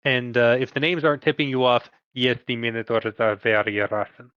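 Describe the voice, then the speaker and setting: A man's voice: medium pitch, brisk, clean tone, no room sound. A man acting as game master, explaining a homebrew tabletop setting in a casual, hesitant way with profane asides. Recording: dull lo-fi mic, dry.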